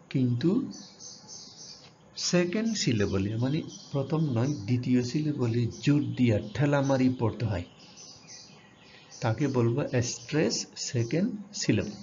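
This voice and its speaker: A man teaching English grammar to students. He draws out the English example words slowly and asks the class questions. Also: medium pitch, lively intonation, mellow. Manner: addresses students directly, asking questions. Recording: dull lo-fi sound with faint hiss.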